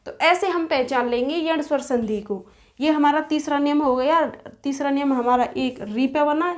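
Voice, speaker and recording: A woman teaching a grammar lesson, patiently repeating and rephrasing each point. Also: sits high.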